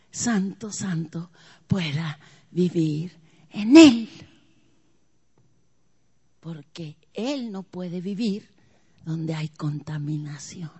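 Woman preacher, slightly high voice, dramatic delivery that drops to a hush and rises to near shouts, quizzes the congregation. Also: slightly rough. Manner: dramatic, swings from hushed to loud; asks the audience questions. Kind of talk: sermon.

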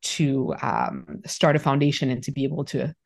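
Low-voiced woman from Haiti, halting speech. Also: big pitch swings, creaky. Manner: halting, thoughtful, with frequent restarts. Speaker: fertility doctor, podcast guest. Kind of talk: conversational interview.

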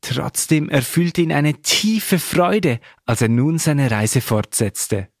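A man giving a measured scripture reading within a church sermon podcast. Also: a little high, animated, no room sound, clean studio sound. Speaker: scripture reader.

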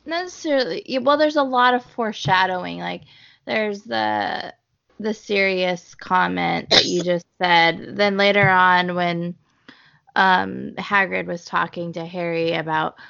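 A woman's voice: lowish voice, fairly even intonation, unhurried, creaky, a bit bright. A woman co-hosting a casual book-club podcast, laid-back as she explains foreshadowing and reassures a friend. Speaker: podcast co-host. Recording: dull lo-fi podcast audio.

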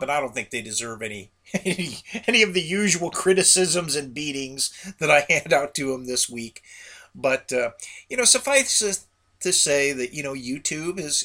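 Male podcast host, gravelly voice, forceful bright tone, mid-range pitch, casual rambling monologue, folksy and conversational.

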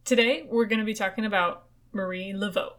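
A young woman with a medium-pitched voice hosts a podcast, telling ghost stories in casual chat, cursing freely and darting off into quick asides.

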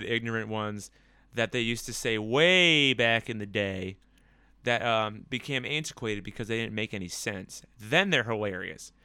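A man's voice: medium pitch, sharp tone, clear, resonant tone, no room sound. A young man from the US Northeast, rambling through a casual solo rant, sarcastic and profane. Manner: rambling, sarcastic, profane, with mocking put-on voices.

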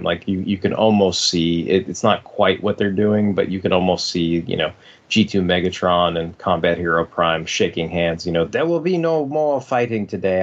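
A man's voice: low-pitched, fairly bright tone. A man co-hosting a casual fan discussion, rambling and circling back to rephrase his points. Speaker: podcast co-host. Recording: slightly dull, lo-fi podcast audio.

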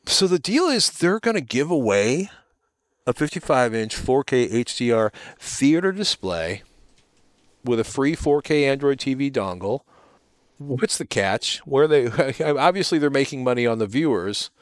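A man's voice: medium pitch, big pitch swings, a little slow, dry recording, clean studio sound. A man co-hosting a home theater tech show in casual chat, wry and rambling, often restarting his sentences.

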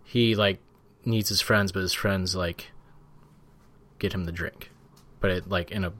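A man's voice: low-pitched, steady tone, unhurried, fairly bright tone. A man co-hosting a podcast in casual chat, loose and profane, laughing easily. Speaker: podcast co-host.

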